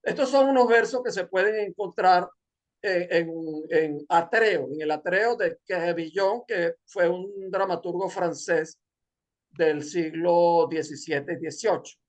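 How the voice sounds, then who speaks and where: A man's voice: high voice, unhurried. A man with a Venezuelan accent giving an informal seminar lecture, retelling a story in a digressive, hesitant way with joking asides.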